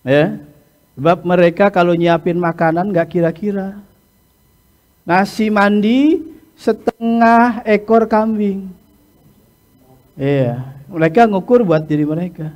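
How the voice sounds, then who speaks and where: A middle-aged man giving a lesson to hajj pilgrims, talking in a lively way, often checking in with "ya" and chuckling, and sometimes acting out loud, high-pitched exchanges. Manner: peppers talk with "ya" and chuckles. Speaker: hajj instructor. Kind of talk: religious lesson lecture.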